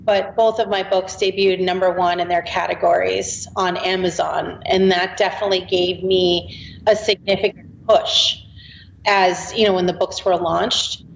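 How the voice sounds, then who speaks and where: Speaking slowly in a low, gravelly voice with fairly even intonation, this Boston woman in her late forties is a writer appearing on a podcast. The interview is relaxed, with occasional laughter, and the remote recording sounds roomy and dull with a trace of noise.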